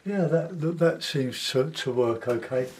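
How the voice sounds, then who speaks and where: A man's voice: a little high, a little slow, a little mellow. Older South London man, murmuring as he paints. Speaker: painting tutor. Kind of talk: casual demonstration commentary while painting. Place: small cluttered home studio, indoors.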